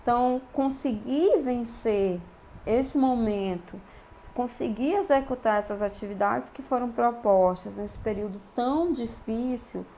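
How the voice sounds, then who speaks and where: A woman's voice: a little high, unhurried, dark tone, slight background noise. Brazilian woman lecturer, voice worn by a cold. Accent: Brazilian Portuguese. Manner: encouraging, keeps checking in with "tá bom?". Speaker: university lecturer. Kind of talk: recorded video talk to students.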